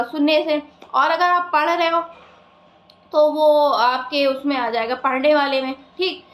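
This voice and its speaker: High-voiced woman teaching in an echoey room. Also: a bit bright. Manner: explains step by step, many fillers and "ठीक है" check-ins. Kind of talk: exam-prep lesson.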